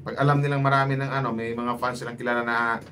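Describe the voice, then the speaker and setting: A man with a Filipino accent hosting a casual livestream, reading out viewer shoutouts by name with quick asides. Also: mid-range voice, background noise. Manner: lively, greets commenters by name, quick asides. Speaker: livestream host.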